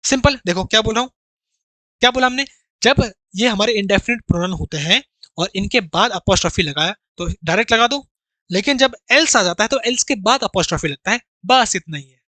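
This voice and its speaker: A man teaches an exam-prep grammar lesson in a bright, sharp voice, recorded close and dry with no room sound. He keeps asking his students rhetorical questions and repeats each point. He talks to them familiarly as brothers and acts out their doubts. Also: high voice, a little fast, dry recording. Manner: explains through rhetorical questions and repetition.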